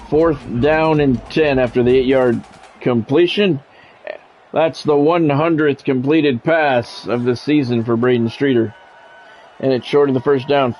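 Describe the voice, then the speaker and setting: Over slight background noise, a man with a darkish, mid-range voice acts as a streamer doing radio-style play-by-play for a college football video game. His announcer cadence rises on big plays, and he alternates between calls and conversation with viewers.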